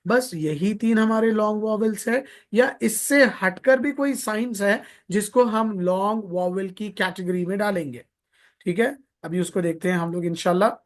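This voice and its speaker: In a live online lesson, a man teaches Quran recitation, patiently repeating points, stretching out vowel sounds to demonstrate them and scattering pious blessings throughout. His voice sits high.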